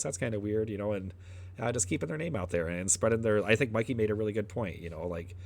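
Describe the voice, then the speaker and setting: A man co-hosting a gaming podcast in casual chat, rambling with fillers and laughing often. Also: low-pitched. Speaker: podcast co-host.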